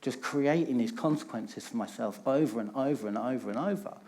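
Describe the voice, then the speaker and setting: On stage, a middle-aged conference speaker gives a candid personal talk, hammering points home by repeating phrases. His mid-range voice is slightly mellow and his pace a little quick.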